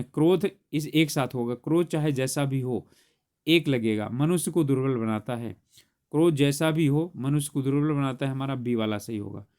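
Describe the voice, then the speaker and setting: A man's voice: mid-range voice, a little mellow. A man teaching grammar, solving an exam paper aloud step by step and correcting himself as he goes. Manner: explains step by step, corrects himself mid-sentence.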